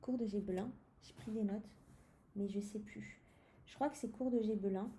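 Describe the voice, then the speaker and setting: A woman's voice: mid-range voice, fairly even intonation, normal speed, warm tone, slight background noise. A woman presenting a tarot deck in a casual chat to the viewer, hesitant, with many fillers and restarts. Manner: speaks directly to the viewer. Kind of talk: casual spoken deck review.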